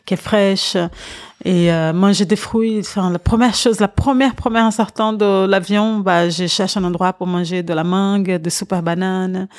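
Enthusiastic woman guest, quick laughs. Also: medium pitch, steady tone. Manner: enthusiastic, laughs often, many fillers. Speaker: podcast guest. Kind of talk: casual interview chat.

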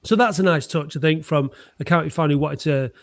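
Higher-pitched man, casual chat. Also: fairly quick. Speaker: podcast guest organising a charity match.

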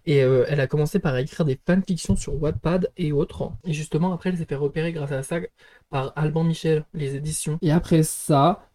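Man, casual book review, mellow voice, slightly high, rambling with fillers. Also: steady tone, brisk. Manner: rambling, full of fillers and self-corrections; self-deprecating, chuckles at himself. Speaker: book podcast host.

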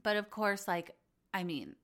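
A young adult woman hosting a casual chat show, gossipy and opinionated, slipping into quick mocking impressions. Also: medium pitch, lively intonation, fairly bright tone. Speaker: podcast host recapping reality TV.

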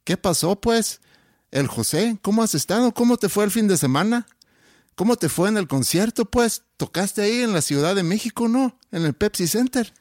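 A man doing a high singsong Sinaloan guy. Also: animated, a little mellow, no room sound, studio quality. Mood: cheerful. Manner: high singsong questions with drawn-out "pues". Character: loud friendly Sinaloan man greeting a buddy.

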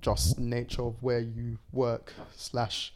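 A man's voice: mid-range voice, flat delivery, slow pace, background noise. A young man with a London accent hosting a casual group chat in a laddish, slangy way. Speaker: podcast host.

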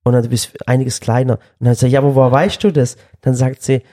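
A man's voice: mid-range voice, flat delivery, fast, warm tone. A young man chatting casually as a co-host, retelling a story that rambles with restarts and quoted dialogue.

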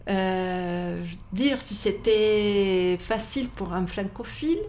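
With slight background noise, a woman bookseller takes her time talking about books in an interview, her medium-pitched voice darkish in tone. Not a native French speaker, she hesitates, using many fillers and restarting sentences.

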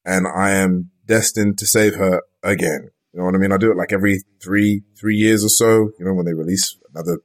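A man, a player on a tabletop game podcast, talking in casual banter with profane, animated comic ranting. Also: low-pitched, brisk, hardly any pauses.

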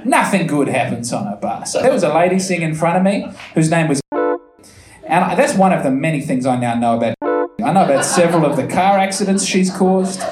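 A man doing a lively stand-up set, telling a story with animated, sometimes loud delivery. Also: fairly high pitch, brisk, music in the background. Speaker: stand-up comedian. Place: comedy venue with live audience. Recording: echoey live room with audience.

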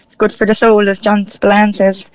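A woman with a Cork accent talks casually and brightly in spirit, full of local turns of phrase, as a musician being interviewed. Her pitch is mid-range. The sound is a dry but muffled, band-limited phone call. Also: completely flat delivery, normal speed, no room sound. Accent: Cork Irish. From Cork, Ireland. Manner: chatty, colloquial, upbeat.

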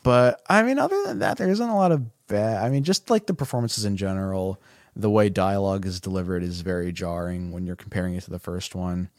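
A relaxed man with a fairly low voice talks through a movie with a friend, swearing freely and laughing as he goes. The recording is dry and close. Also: fairly quick, no echo. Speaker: podcast co-host. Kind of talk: casual film review chat.

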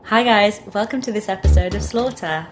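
A woman's voice: mid-range voice, brisk, soft background music. A British woman hosting a podcast, chatting casually and telling stories. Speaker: podcast host. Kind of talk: casual chat and storytelling.

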